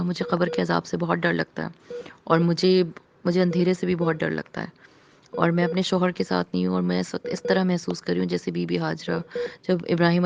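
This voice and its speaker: Gravelly-voiced woman telling a frightening testimony. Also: fairly low pitch, a little mellow, highs cut off, slight background noise. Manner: earnest, mixing English phrases into Urdu, halting pauses. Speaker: storyteller sharing a personal experience. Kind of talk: emotional first-person testimony.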